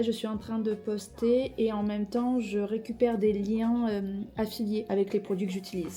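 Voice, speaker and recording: A woman's voice: mid-range voice, dark tone. A young woman chatting casually to camera at home, self-deprecating and full of fillers as she vlogs her day. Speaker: vlogger. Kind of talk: casual vlog narration. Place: home apartment, indoors.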